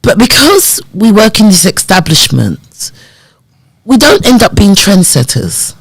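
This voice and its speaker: A woman's voice: medium pitch, a little slow, breathy edge, no echo, poor audio. A woman, a podcast guest telling her life story and acting out remembered conversations. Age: 50s. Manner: animated storyteller who acts out remembered dialogue. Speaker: podcast guest, community development worker. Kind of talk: personal storytelling in a podcast interview.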